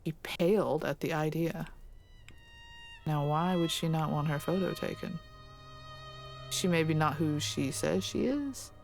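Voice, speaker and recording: A streamer reading aloud the lines of a courteous, guarded manor guest in a mystery video game, in a measured way. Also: mid-range voice, vocal fry, faint music behind.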